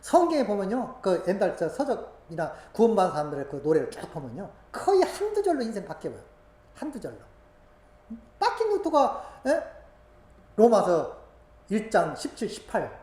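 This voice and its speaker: A woman preaching a sermon full of personal testimony, swinging from hushed asides to loud, emotional exclamations. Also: medium pitch, wildly swooping pitch, moderate pace. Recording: roomy echo, faint background noise.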